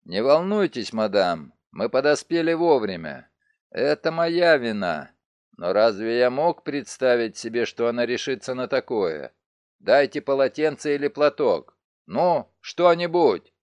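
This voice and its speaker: A man doing a stern, low police commissioner. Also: big pitch swings, a little slow, clean tone, no echo. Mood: urgent, commanding. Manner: firm, commanding.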